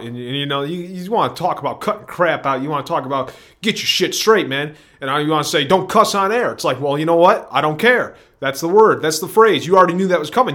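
Erratic rambling man broadcasting alone. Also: fairly high pitch. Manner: erratic, swings from shouting to mumbling; repetitive, free-associating, self-questioning. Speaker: solo broadcaster. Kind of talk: rambling stream-of-consciousness monologue.

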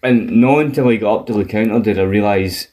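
Man, broad Scottish accent, relaxed dark tone, casual storytelling, colloquial, foul-mouthed. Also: lowish voice, fairly quick. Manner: coarse, sweary, colloquial. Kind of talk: casual chat, animated storytelling.

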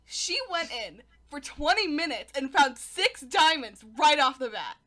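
A woman's voice: high-pitched, lively intonation, unhurried, sharp tone. A young woman in a casual podcast chat, talking in a dramatic, complaining way. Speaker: podcast co-host.

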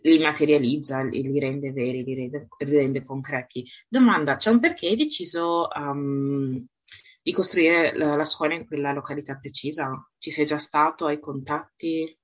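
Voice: mid-range voice, moderate pace. An interviewer speaking in casual conversation, hesitating and rephrasing along the way.

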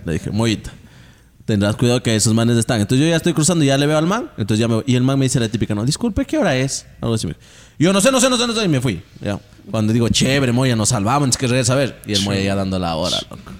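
Animated man telling stories. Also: mid-range voice, fast. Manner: animated, laughing, acts out quoted voices. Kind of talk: casual storytelling chat. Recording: long reverb, faint background noise.

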